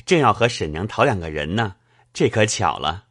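A man reading an audiobook, voicing an eager, fawning young male relative who talks fast. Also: on the low side, very animated, a bit bright, husky, no echo, clean studio sound, heavily acted. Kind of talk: audiobook character voice.

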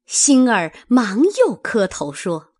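Brief: woman storyteller, slow and measured, husky tone. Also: medium pitch. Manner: measured, expressive. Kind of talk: storytelling narration of a classic novel.

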